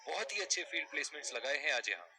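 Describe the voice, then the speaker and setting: A man's voice: fairly high pitch, big pitch swings, very fast, noisy background. A man voicing an analytical, admiring cricket commentator in a scripted sports video game.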